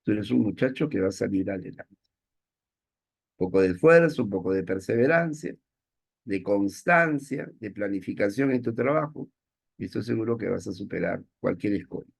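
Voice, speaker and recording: A man's voice: lowish voice, lively intonation, moderate pace, creaky, slightly rough. A man, a teacher giving a playful, self-mocking classroom lecture and checking in with his students.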